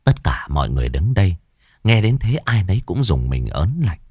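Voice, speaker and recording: Male horror narrator, low voice, animated delivery, dry close mic. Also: brisk, husky, dry recording. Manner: dramatic, expressive. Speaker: storyteller.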